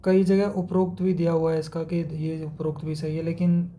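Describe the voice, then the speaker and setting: Teacher doing a spelling lesson for exams, steady word-by-word, drops english words in, really warm dark voice. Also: mid-range voice, moderate pace. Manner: walks through word lists, contrasting wrong and right forms; mixes English words into Hindi explanation. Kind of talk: exam-prep spelling lesson.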